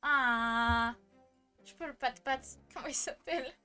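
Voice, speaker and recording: A woman's voice: on the high side, moderate pace, fairly bright tone, faint music behind. A woman game streamer chatting casually and effusively, giggling and poking fun at herself. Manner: giggly, effusive, self-deprecating. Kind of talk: casual live-stream chat.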